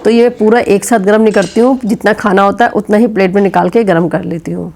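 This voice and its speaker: In casual home vlog narration, a middle-aged woman who has a sore throat and fever talks chattily about her cooking while working in her kitchen, describing each chore as she goes. Her voice is mid-range, steady, quick, creaky and slightly mellow.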